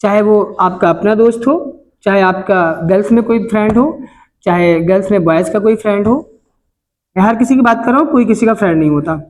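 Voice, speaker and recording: A coaching institute teacher speaks Hindi with a north Indian accent, giving his class earnest, moralizing life advice and repeatedly posing rhetorical questions. His voice is high-pitched and his pace fairly quick.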